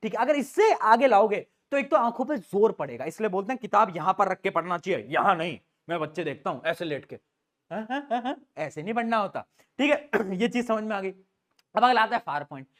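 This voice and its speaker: A male teacher giving an energetic exam-prep lecture in a playful, teasing way, mixing English terms into his talk. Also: sits high, brisk. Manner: playful, teasing, calls students "beta"; mixes English terms into Hindi.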